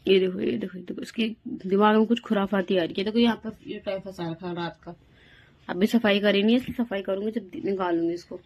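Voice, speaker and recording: A woman's voice: mid-range voice, fairly even intonation, brisk, a little mellow. A young woman vlogging at home about her day, chatty and talking to her toddler in a sing-song voice. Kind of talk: casual home vlog. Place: home rooms, indoors.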